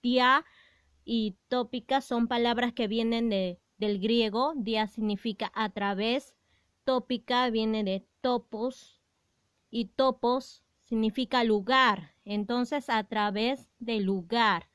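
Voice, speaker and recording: A woman from Peru, teaching a school lesson in a slow, explanatory way that stresses key words. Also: fairly high pitch, fairly even intonation, fairly bright tone, smooth, no echo, clean studio sound. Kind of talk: classroom lesson.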